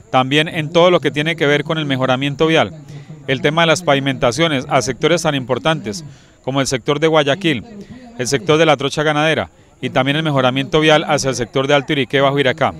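A man's voice: fairly high pitch, a little fast, fairly bright tone. A Colombian man in his forties speaks like a town official making a statement for the news. His delivery is formal oratory, moving through lists of institutions and thanks. He is outdoors, talking into a handheld microphone. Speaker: municipal mayor. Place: outdoors at night near a livestock complex. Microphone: handheld reporter microphone.

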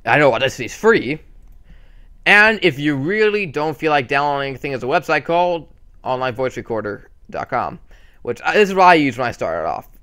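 The young man hosting this channel has a mid-range voice and talks fairly quickly while casually explaining a screen-recorded tutorial. He rambles excitably and corrects himself repeatedly.

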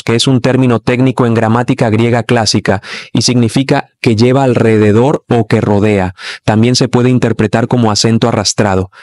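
A man reads out a scripted language lesson, listing terms and examples in an even, deliberate way. His pitch is average and the recording is dry, with no room sound. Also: no echo. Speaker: narrator.

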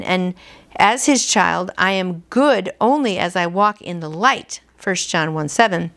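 Speaking with a medium pitch and a fairly bright tone, a woman in her fifties reads a devotional aloud. She sounds earnest but conversational, recording indoors in a small, furnished room at home.

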